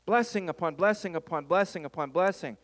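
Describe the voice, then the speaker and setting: A man's voice: high-pitched, a little fast. A man preaching a sermon as a pastor, with an emphatic delivery that leans on dramatic repetition. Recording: reverberant hall.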